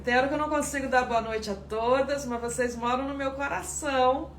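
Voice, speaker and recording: A woman's voice: high-pitched, a little fast. A woman teaching sourdough on a live stream, chatty and greeting viewers by name. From Espírito Santo, Brazil. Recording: echoey room with faint background noise.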